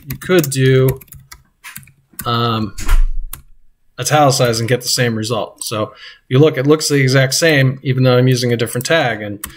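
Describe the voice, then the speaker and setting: A man explains web code step by step as he records his screen. His voice sits at a middle pitch. He talks in a halting, unscripted way, stopping often on fillers and restarts. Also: a little hiss or hum. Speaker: teacher. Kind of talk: screen-recorded coding lesson.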